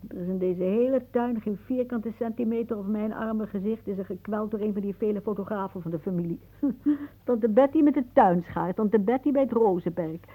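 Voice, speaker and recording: In a radio play, an actress portrays a whimsical, dreamy elderly aunt, musing theatrically and slipping into hushed asides with a wry, reminiscing mood. Her voice is natural and mid-range at normal speed, on a rough recording.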